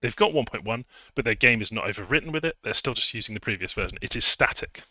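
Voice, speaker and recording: A man's voice: mid-range voice, expressive, quick pace, bright, forceful tone, dry recording, dull audio. A man chatting casually on a live stream, rambling through his points with fillers, a little out of breath. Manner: rambling, conversational, many fillers and restarts. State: a bit out of breath. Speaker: streamer and game modder.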